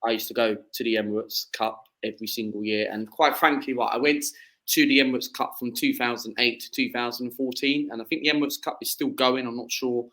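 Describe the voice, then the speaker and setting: A man's voice: mid-range voice, fairly even intonation, brisk, sharp tone, rough recording. A man in his twenties from southeast England, a football fan chatting as a podcast guest, rambling with many fillers and restarts. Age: 20s. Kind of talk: casual chat.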